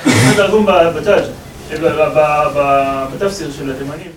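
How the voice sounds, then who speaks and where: A student in a Torah class who answers with hesitation, breaking off and starting again. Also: male voice, on the high side, slightly rough, low-quality recording.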